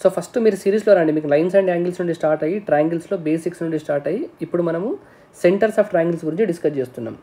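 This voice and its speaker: A man's voice: fairly high pitch, very fast, mellow. A male teacher giving an exam-prep lesson, explaining step by step, often checking in with the viewer and mixing English technical terms into his speech.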